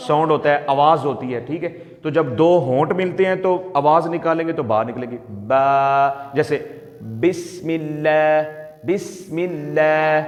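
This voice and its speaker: A male recitation teacher who repeats his points, quizzes his students and stretches out sounds slowly to demonstrate them. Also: a little high, faint music behind. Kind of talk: teaching lesson. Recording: echoey room with long reverb.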